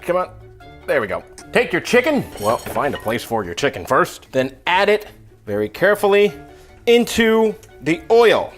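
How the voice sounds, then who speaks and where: A man's voice: a little high, wildly swooping pitch, normal speed, fairly bright tone, soft background music. A man hosting a casual cooking tutorial in an offhand, self-deprecating, rambling way with trailing asides. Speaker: cooking show host.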